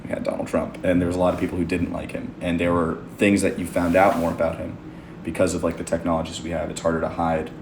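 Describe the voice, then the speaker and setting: A man's voice: low-pitched, monotone, fast talker. A young American man hosting a podcast, chatting in a rambling, opinionated way. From United States. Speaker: podcast host. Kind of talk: casual conversation. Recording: echoey room, faint noise.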